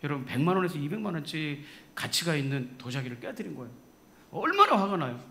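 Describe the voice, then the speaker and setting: A man pastor preaching a sermon, telling a story in an animated way and laughing along. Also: on the high side, fast, gravelly. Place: church sanctuary.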